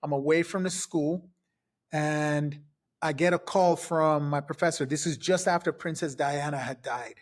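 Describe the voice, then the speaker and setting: A man in his fifties from Trinidad, a podcast guest telling his past in a casual, lively way, step by step. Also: a little high, measured pace. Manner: lively, recounts events step by step. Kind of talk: casual storytelling.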